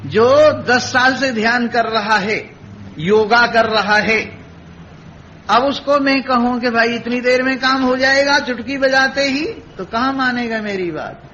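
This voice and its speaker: A man's voice: very high voice, slow, sharp tone. A man giving a spiritual discourse, telling stories and acting out the dialogue with repeated, rhythmic phrases. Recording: dull lo-fi recording with faint hiss.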